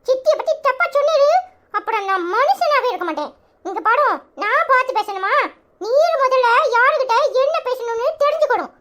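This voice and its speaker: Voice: extremely high pitch, animated, moderate pace, bright, forceful tone, heavily acted. A performer voicing a brash, defiant young village man in a cartoon comedy, with a Tirunelveli Tamil accent and a taunting manner. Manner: taunting, jeering.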